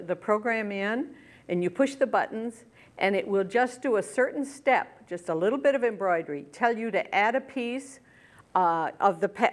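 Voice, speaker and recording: An older woman hosting a quilting show, explaining each step as she works with her hands. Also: mid-range voice. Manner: friendly step-by-step explaining, talking while working. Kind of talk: hands-on sewing demonstration.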